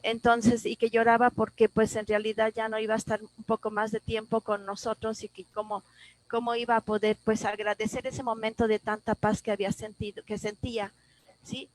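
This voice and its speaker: Woman, high-ish voice, dry close sound; halting emotional personal testimony on a video call. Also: level tone, no room sound, low-quality recording. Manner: halting, many restarts and repeated words, emotional retelling. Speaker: class participant. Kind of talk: personal testimony in a class discussion.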